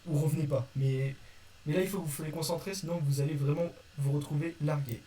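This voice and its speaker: A man's voice: fairly high pitch, fairly even intonation, fairly quick, dark tone, a little hiss or hum. A man teaching a constructed language in a casual video lesson, talking informally and often correcting himself mid-sentence. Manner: informal, self-correcting, lots of fillers.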